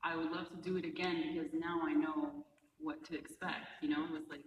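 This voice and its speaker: An animated actress telling a story on a panel with a slightly low voice. The sound is distant and roomy, with a long hall reverb and faint noise behind it. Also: female voice, brisk. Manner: animated, acts out the motion capture routine. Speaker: video game actor on a panel. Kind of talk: casual panel talk. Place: large convention panel room.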